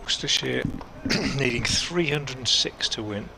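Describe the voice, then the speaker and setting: A man working as a cricket commentator, calling play ball by ball in a measured way with pauses mid-sentence. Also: mid-range voice, animated, creaky. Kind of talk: live cricket commentary with unhurried ball-by-ball description. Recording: outdoor ambient noise behind voice.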